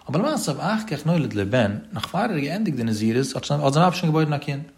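A man's voice: a little high, big pitch swings, fast, vocal fry. Man in a singsong study lecture. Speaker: religious study teacher.

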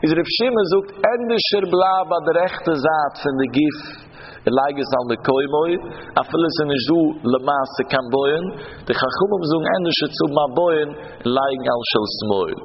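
A man's voice: a little high, moderate pace, husky. A man giving a traditional Talmud lesson in a singsong study cadence, his phrases rising and falling. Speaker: Talmud teacher. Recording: dull reverberant hall recording with faint background noise.

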